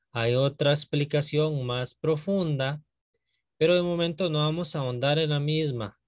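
A man's voice: fairly high pitch, dry recording. A man teaching an English grammar class, patiently repeating the rules and checking that his students follow.

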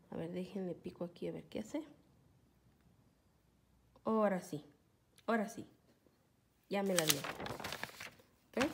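A woman's voice: mid-range voice, vocal fry. A woman vlogger giving a casual, chatty tutorial from her home, checking in with her viewers often as she films with a phone camera. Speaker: couponing vlogger. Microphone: phone camera filming a phone screen, off screen.

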